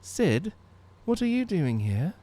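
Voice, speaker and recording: A man's voice: high-pitched, big pitch swings, slow pace, mellow, voice pushed up, heavily acted. Man doing an earnest young noble.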